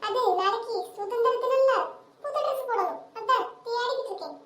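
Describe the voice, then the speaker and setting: Casting: woman playing nagging young wife, very high squeaky voice, roomy echo. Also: normal speed, fairly bright tone. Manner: scolding, complaining. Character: bossy young wife, nagging and quick-tempered. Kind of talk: comedy skit.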